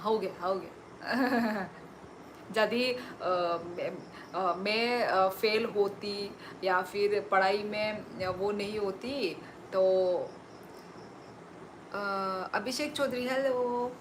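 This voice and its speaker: A young woman from Tripura, India, hosts a casual livestream on her phone, reading out viewer comments and teasing them with a laugh. She talks at an unhurried, slow pace in a mid-range voice. Steady noise sits under the phone recording. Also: medium pitch, low-quality recording. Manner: chatty, teasing, laughs often. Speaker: livestream host.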